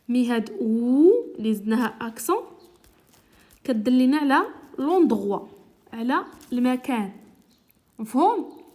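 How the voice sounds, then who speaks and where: A woman teacher with a Moroccan Arabic accent explaining a lesson patiently, repeating words slowly and often checking that she is understood. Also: on the high side, warm tone.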